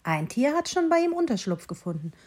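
A woman reading an Advent story aloud in a calm, clearly paced storytelling voice. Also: sits high, a little fast.

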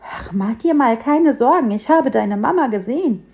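A small, kind fir tree from a storybook, soothing and friendly, as a woman puts it on. The voice sits a touch high and stays mellow and soft. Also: animated, normal speed.

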